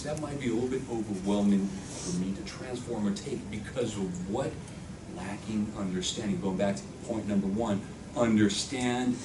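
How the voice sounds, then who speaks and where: A Spanish-speaking man teaching a classroom workshop fires off one question after another, often supplying the answers himself. His voice is on the low side. He seems distant from the mic, in an echoing room with constant background noise.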